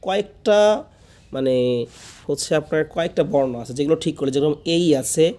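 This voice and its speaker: A man's voice: fairly high pitch, brisk, mellow. A man teaching beginner English pronunciation, drilling words over and over and quizzing the listener as he goes. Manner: drills words by repetition, asks the viewer questions.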